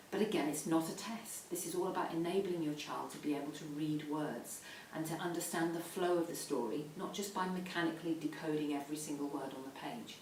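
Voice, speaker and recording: A middle-aged woman gives an explanatory talk to parents in an instructive way, stressing key points. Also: a little mellow. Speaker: reading educator advising parents. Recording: roomy echo, distant mic, faint rumbling noise.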